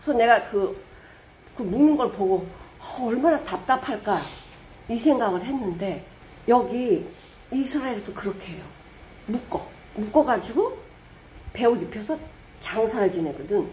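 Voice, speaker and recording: Woman pastor with a higher-pitched voice, lively sermon storyteller who breaks into booming dramatic quotes. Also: moderate pace, long pauses, slight background noise. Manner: lively storytelling, rhetorical questions, sudden loud dramatic quotes.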